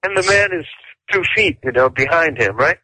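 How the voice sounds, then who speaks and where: A male interview guest explaining in detail and at a deliberate pace, with frequent fillers. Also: fairly high pitch, lively intonation, sharp tone, a little hiss or hum. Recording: dull dry lo-fi audio.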